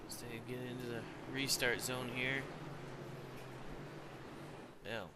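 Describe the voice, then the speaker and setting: A tired man giving play-by-play commentary on a sim race, steady in his calls and rising when the racing gets close. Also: mid-range voice, normal speed, very noisy. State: tired, yawning.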